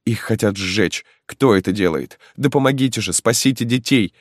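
Man doing a desperate peasant mother, high strained voice, wailing pleas, dry close sound. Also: moderate pace, no echo, lightly acted. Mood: frantic. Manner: pleading, wailing cries for help.

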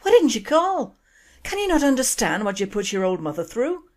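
A woman doing a yelling old Irish father. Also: lowish voice, expressive, normal speed, breathy edge. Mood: furious. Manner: yelling, scolding.

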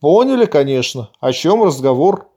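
A man's voice: on the high side, very animated, normal speed, dark tone. A male narrator voicing a surly young man posing as a brawler, speaking in curt, guarded lines.

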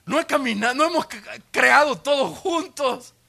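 A man preaching a sermon in a church auditorium, acting out a forsaken man who cries out to God in anguished, shouted pleas. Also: very high voice, animated, moderate pace, creaky, voice pushed up, exaggerated voice. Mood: anguished pleading.

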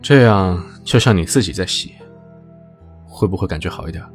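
A very low, gentle male voice for a caring system companion in an audio drama, played by an actor. He speaks patiently and soothingly. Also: quick pace, faint music behind, close to an everyday voice.

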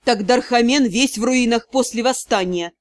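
A woman voicing a caring witch who speaks in a hushed, sighing, gentle way, in a storybook reading. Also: on the high side, normal speed, close to an everyday voice. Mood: worried. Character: worried, caring older female witch.

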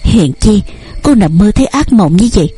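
A woman's voice: medium pitch, animated, moderate pace, mellow, breathy edge, faint music behind. A woman voicing a worried middle-aged mother who soothes and questions her daughter. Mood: anxious. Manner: soothing, urgent.

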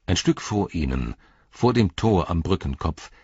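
Man, audiobook narrator, measured dramatic reading, husky voice, dry dull recording. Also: low voice, big pitch swings, darkish tone, no room sound. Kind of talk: scripted narration.

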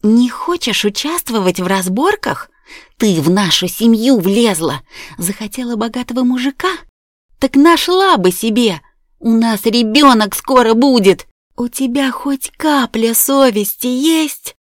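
A woman voicing a hysterical, furious pregnant young wife who shouts shrill accusations. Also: slow pace, husky, no echo, clean studio sound.

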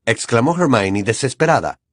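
A man narrating a dramatized audiobook in an even storytelling delivery. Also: medium pitch, moderate pace, no room sound, studio quality.

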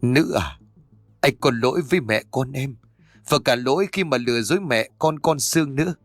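A man's voice: medium pitch, moderate pace, no room sound, lightly acted. Brief: man playing a guilty, pleading father, close and dry. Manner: humble, pleading, apologetic. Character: remorseful aging father begging forgiveness.

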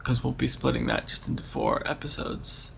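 A man with a deeply gravelly, fry-heavy voice talks through a book in loose, rambling chat. He often trails off and restarts mid-thought, and a faint hiss sits behind him. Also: steady tone, normal speed. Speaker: podcast co-host. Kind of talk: casual chat about a book.

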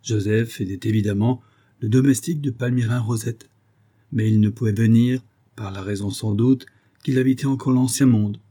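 A man narrating a classic novel as an audiobook in a measured storytelling manner. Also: fairly low pitch, fairly even intonation, warm tone.

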